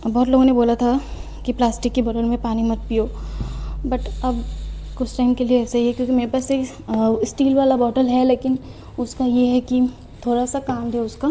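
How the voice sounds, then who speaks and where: A woman's voice: a little high, little pitch movement, normal speed, dark tone, slight background noise. A young woman student chatting casually while tidying her study desk, self-mocking and a little out of breath. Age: young adult. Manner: chatty, self-mocking, mixing in English phrases. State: slightly out of breath. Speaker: student vlogger. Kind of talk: casual desk tour chat. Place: her study room at home.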